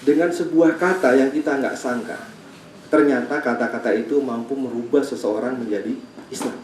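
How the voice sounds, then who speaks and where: A male preacher giving an animated sermon story, acting out the voices of the people in it. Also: normal speed, a little hiss or hum. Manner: animated, acts out quoted voices with big pitch jumps. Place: talk at a school gathering, roomy space. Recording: roomy echo, mic at a distance.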